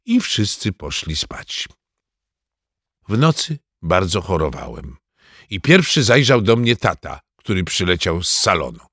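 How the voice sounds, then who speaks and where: A man narrating a children's storybook in an expressive storytelling manner. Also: low-pitched, a little slow, no echo, studio quality. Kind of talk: storybook reading.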